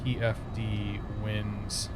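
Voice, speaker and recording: A man's voice: on the low side, completely flat delivery, very slow, heavy background noise. A man streaming a flight simulator session on headset audio, chatting casually and greeting viewers by name as he flies. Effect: livestream headset audio. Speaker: livestreamer. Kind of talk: casual commentary while flying a flight simulator.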